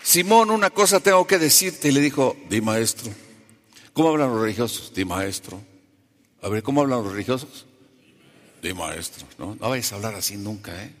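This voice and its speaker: A male preacher giving a sermon, conversational and animated, who keeps asking the congregation questions. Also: mid-range voice, a little fast, slight background noise. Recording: long reverb of a large hall.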